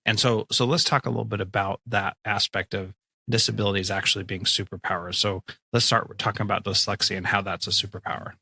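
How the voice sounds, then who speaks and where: A middle-aged man hosting a podcast interview, talking in an earnest, expressive way. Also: lowish voice, quick pace, creaky, slightly rough, dry recording, rough recording. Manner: earnest, expressive, animated when telling stories. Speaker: podcast host, school principal. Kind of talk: conversational interview.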